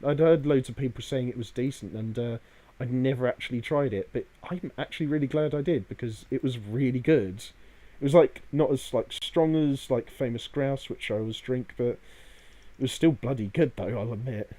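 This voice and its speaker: A man co-hosts a casual podcast chat. He talks in a rambling, hesitant way, leaning on filler phrases as he goes. His pitch sits in the middle range for a man. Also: moderate pace, dark tone. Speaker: podcast co-host. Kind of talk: casual chat about a day out.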